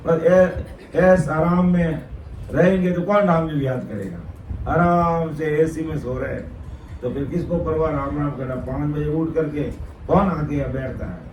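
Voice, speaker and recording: Echoey preacher. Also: male voice, a little high, measured pace, darkish tone, slight background noise. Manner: repetitive emphatic explaining, quoting couplets and glossing them. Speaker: satsang preacher. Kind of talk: devotional sermon explaining verses. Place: satsang hall gathering. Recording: echoey room, distant mic, faint ambience.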